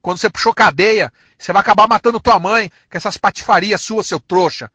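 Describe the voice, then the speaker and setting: A man from São Paulo, Brazil, speaking São Paulo Portuguese, launches into an angry rant packed with insults and threats he keeps repeating and drawing out. His voice sits high, with a sharp, slightly rough tone. The recording is muffled but has no echo.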